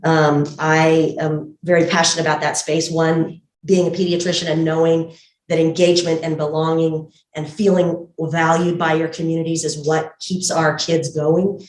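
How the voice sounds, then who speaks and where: A woman's voice: low voice, level tone, normal speed, a little mellow. A woman speaking through a face mask, giving an earnest, conversational introduction as a political candidate at a community meeting. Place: indoor community meeting room. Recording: echoey room, far from mic.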